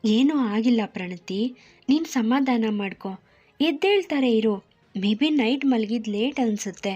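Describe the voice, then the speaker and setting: A woman voicing a protective young man who gently consoles others while grieving quietly. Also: a little high, lively intonation, unhurried. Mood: consoling. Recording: muffled lo-fi with soft music.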